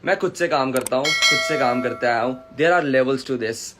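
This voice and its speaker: A man's voice: mid-range voice, normal speed, heavy background noise. A man in his twenties on a live stream, ranting in a combative, boastful and crude way, often switching into English phrases. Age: 20s. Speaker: content creator.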